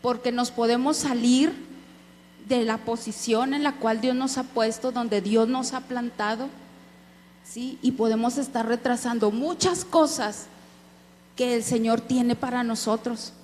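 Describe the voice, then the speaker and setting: A woman's voice: fairly high pitch, steady tone, unhurried, a little mellow. A woman preacher giving an earnest sermon testimony, speaking directly to her listeners as brothers. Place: church hall. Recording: echoey hall with faint hum.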